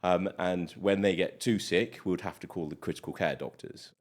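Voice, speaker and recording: A man with a very deep voice and a British accent talks through his story at a relaxed clip. He chats casually as a guest, filling pauses with ums and uhs. He sounds middle-aged. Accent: British English. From Malawi. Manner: chatty, many fillers, rambling. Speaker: guest doctor. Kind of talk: casual interview chat.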